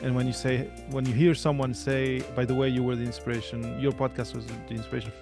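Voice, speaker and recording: A man, talking as a guest in a relaxed, thoughtful way with frequent restarts. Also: mid-range voice, fast, vocal fry, over music. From Portugal. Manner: thoughtful, self-correcting, many restarts. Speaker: podcast guest. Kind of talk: casual interview talk.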